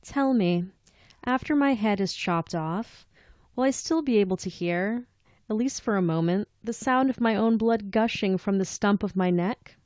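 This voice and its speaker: A woman's voice: mid-range voice, normal speed, a little mellow, no echo, studio quality, natural voice. A woman voicing a condemned male killer who relishes gore, in a theatrical reading voice on a podcast. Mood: gloating. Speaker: podcast co-host.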